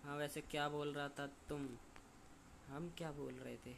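A young man streaming a game and chatting loudly with friends on a call, joking and complaining as he plays. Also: a little high, level tone, moderate pace, vocal fry, slight background noise. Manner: loud, joking banter with friends. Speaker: gaming streamer.

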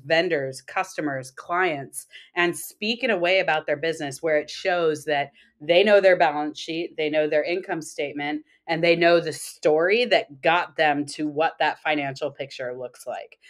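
Low-voiced woman explaining finances. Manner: steady, explanatory, builds points in lists. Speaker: guest, accountant and financial coach. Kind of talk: podcast interview conversation.

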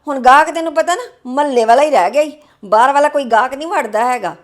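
A woman playing a high-voiced, stressed young wife. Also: fairly quick. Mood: irritated, complaining. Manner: sharp, complaining, then weary and low. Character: stressed young wife worried about debts. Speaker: daughter-in-law character.

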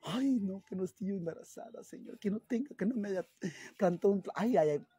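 Casting: a man playing a crude, whiny young woman with a husky voice and a sighing delivery, for a comedy skit. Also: high-pitched, lively intonation, a little fast, mellow, no echo, full character voice. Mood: fretful. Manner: whiny, sighing, keeps repeating "ay, hermanas". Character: crude, fretful young woman who thinks she's pregnant.

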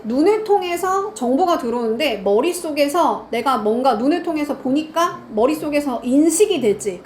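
A woman's voice: high-pitched, a little hiss or hum. A woman teaching grammar in a lecture, quizzing her students and answering her own questions.

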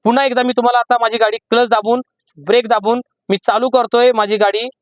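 A man with a Marathi accent teaching driving from inside a parked car, explaining slowly and repeating each step. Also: very high voice, little pitch movement, dry recording, narrow, tinny audio. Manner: repetitive, slow emphatic teaching. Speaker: driving instructor. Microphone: camera in the car.

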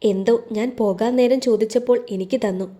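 An earnest young woman from a storybook, anxious and caring, as a woman narrator voices her. Her voice is soft and mellow, pitched a touch high. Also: fairly even intonation, a little fast, natural voice. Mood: explaining.

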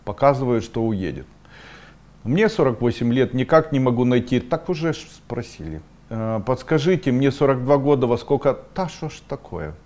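The host is a middle-aged man leading an esoteric webinar, with a medium-pitched, expressive voice at normal speed. He reads questions from viewers and replies bluntly, occasionally breaking into sharp, rising scolding.

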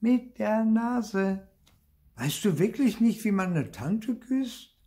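An older man reading aloud, voicing an excitable, insistent little girl in a storybook. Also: a little slow. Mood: knowing. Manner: shrill, wide-eyed and insistent.

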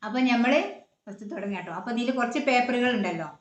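A woman's voice: a little high, very fast. A woman hosting a home vlog in casual chat, explaining the game's rules in a chatty way. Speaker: vlog host. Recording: roomy echo.

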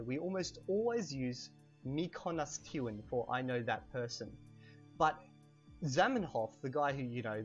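Speaking with a fairly high pitch and an Australian accent, a man in his thirties mixes a casual language lesson with gaming from a home room on webcam, recorded through a cheap desk mic. He's chatty and animated, stretching out key words as he spells them slowly.

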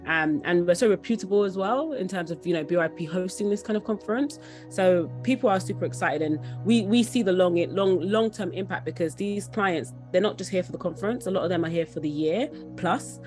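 A young woman, the founder of a company, is an interview guest on a video call, talking with conversational enthusiasm and repeating words for emphasis. Her voice is on the low side and a little mellow, her pace a little fast, with soft music in the background.

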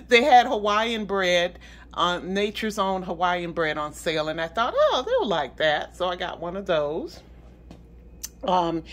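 A middle-aged woman chatting casually through a grocery haul in her home kitchen, rambling with lots of ums and restarts. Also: on the low side. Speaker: vlogger.

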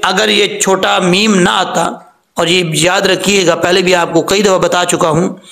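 A male tajweed teacher, speaking high and unhurried. His voice has a gravelly edge. He breaks each word into letters and then recites it in a drawn-out sung tone. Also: a bit bright. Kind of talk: step-by-step tajweed lesson.

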